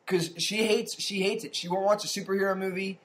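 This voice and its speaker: A young man chatting casually on a podcast, his voice sitting a touch higher than most men's. He rambles through his stories and keeps circling back with fillers and restarts. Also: fairly even intonation, fairly quick, fairly bright tone. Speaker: podcast co-host. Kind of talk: casual chat.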